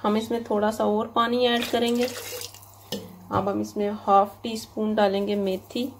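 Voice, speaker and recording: Flat-voiced woman narrating a home recipe. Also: medium pitch, poor audio. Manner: plain, unhurried instructional delivery. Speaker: cooking channel host. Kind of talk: step-by-step recipe voice-over. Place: home kitchen. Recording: loud cooking noise behind voice.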